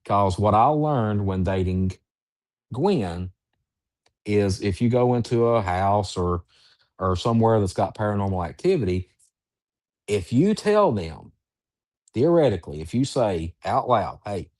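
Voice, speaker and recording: A man who researches Bigfoot, telling a story in a halting, drawn-out way with many restarts. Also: lowish voice, animated, a little mellow, dry recording, clean studio sound. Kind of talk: storytelling in an interview.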